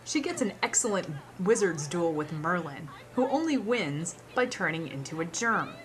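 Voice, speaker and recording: A woman's voice: lowish voice, expressive, normal speed. A woman presenting a scripted film countdown in a wry, conversational manner.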